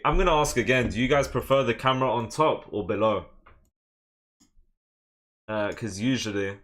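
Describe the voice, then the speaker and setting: A man with an English accent casually streams online chess, speaking partly to himself about moves and partly to his viewers. His voice is on the low side and slightly bright.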